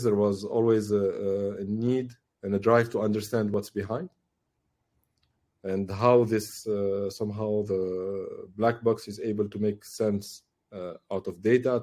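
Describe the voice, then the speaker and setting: A Tunisian man in his forties, an AI director, appears as a guest on a casual podcast interview, speaking thoughtfully with many fillers and restarts. His voice is lowish and warm.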